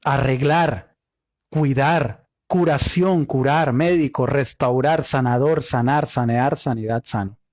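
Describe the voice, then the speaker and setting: A man's voice: mid-range voice, takes it slowly, darkish tone, no echo, clean studio sound. A man teaching a Bible study, reading scripture aloud and explaining the Hebrew meaning of words, often asking rhetorical questions.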